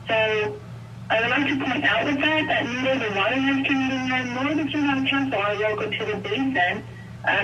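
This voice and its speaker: A public commenter at a board meeting, this woman delivers her polite, prepared remarks by phone on a conference call, the scratchy line cutting in and out. Her voice is a little high, she sits far from the mic, and the highs are cut off.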